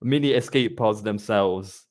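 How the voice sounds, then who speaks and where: A man with a lowish voice hosts a relaxed live-stream podcast. He rambles, restarts his sentences and reads out chat messages. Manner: rambling, with many restarts and quick laughs. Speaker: podcast host.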